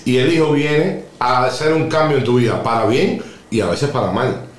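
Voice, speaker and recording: A man talking on a podcast, making his points in a calm, reasoned way. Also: medium pitch, moderate pace, a little hiss or hum. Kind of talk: casual chat. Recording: roomy echo.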